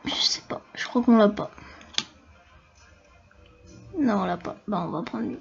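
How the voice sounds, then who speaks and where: A woman giving casual, chatty commentary over her gameplay, excitable and quick to repeat words in bursts. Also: mid-range voice, creaky. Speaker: gamer. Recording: dull lo-fi recording over game music. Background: loud game music.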